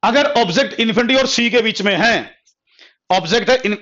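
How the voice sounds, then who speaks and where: A man teaching a physics class at a board. He repeats key terms over and over, dictates notes slowly word by word, and calls his students "beta" and "bhai". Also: very high-pitched, sharp tone. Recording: dull lo-fi classroom recording.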